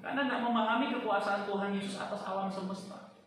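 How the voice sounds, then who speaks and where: A man with a high-pitched voice preaches a sermon, dropping to hushed tones and then rising to loud, emphatic points while speaking straight to the congregation. He sounds far from the mic in a very reverberant church hall. A faint noise hangs behind him. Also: steady tone, quick pace. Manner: often addresses the congregation directly. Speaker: pastor.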